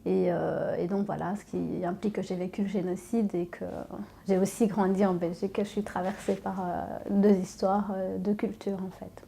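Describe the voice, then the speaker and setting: Woman, 20s, from Rwanda, mellow tone, hesitant personal testimony. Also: medium pitch, little pitch movement, moderate pace, gravelly, slight background noise. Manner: hesitant, repeating words.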